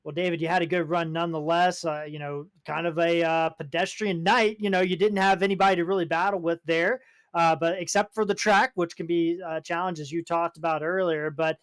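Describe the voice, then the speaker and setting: A man's voice: fairly high pitch, fairly even intonation, a little fast, smooth, no room sound. A man interviewing a driver as pit reporter, rambling and correcting himself mid-question. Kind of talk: post-race interview.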